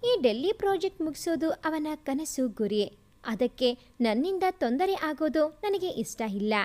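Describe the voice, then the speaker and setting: A woman's voice: sits high, very animated, measured pace, warm tone. A woman reading aloud and voicing a devoted, chatty young woman in a storybook love tale. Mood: heartfelt. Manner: earnest, heartfelt.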